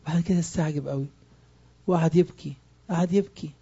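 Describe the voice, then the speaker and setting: A man's voice: a little high, fairly even intonation, quick pace, creaky, mellow, breathy edge, lo-fi sound. A man with an Egyptian Arabic accent preaching a sermon, emphatic and full of rhetorical questions. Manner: emphatic, asks rhetorical questions and answers them.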